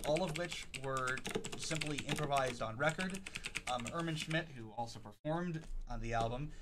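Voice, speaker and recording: A man hosting a casual news rundown, halting often with fillers and restarts. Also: on the high side, noisy background. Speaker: podcast host.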